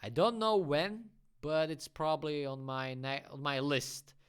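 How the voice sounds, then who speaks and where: Speaking a little slowly with fairly even intonation, this man has a higher-than-average voice that's clear and resonant. He's a graffiti artist for whom English is a second language, fielding questions on a casual livestream. Frank and talkative, he gives his views with friendly asides.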